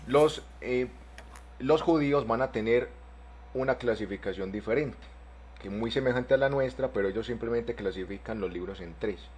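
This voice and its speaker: A man teaching an online Bible class, explaining terms step by step and spelling words out slowly. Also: mid-range voice, darkish tone, slight background noise.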